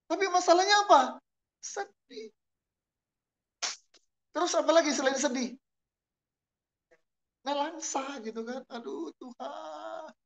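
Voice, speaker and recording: Man, pastor, sermon, church service, storytelling, questions to the congregation, sudden loud bursts. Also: unhurried, pauses often. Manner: animated storytelling, jumping between low murmurs and loud exclamations; asks the congregation questions and answers them.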